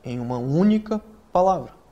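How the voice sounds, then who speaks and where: A Brazilian man teaching writing in an online course, talking straight to the student with rhetorical questions and spelling acronyms out slowly letter by letter. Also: fairly high pitch, lively intonation, warm tone, highs cut off. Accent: Brazilian Portuguese. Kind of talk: recorded online lesson.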